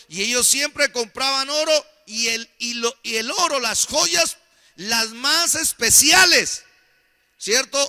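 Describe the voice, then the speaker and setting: A pastor preaching a sermon in a church, calling out for amens and rising to near shouts. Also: male voice, very high-pitched. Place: church hall. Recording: hall reverb.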